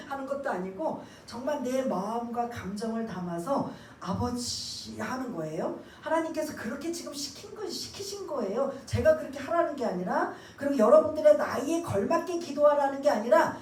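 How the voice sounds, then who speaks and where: A high-pitched woman preaching a sermon, picked up from some way off the mic. The church room rings with echo, and faint ambience sits underneath. She asks the congregation questions, then goes hushed to act out a prayer. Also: expressive, moderate pace, few pauses, recorded from a distance, a little hiss or hum. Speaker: pastor. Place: church sanctuary.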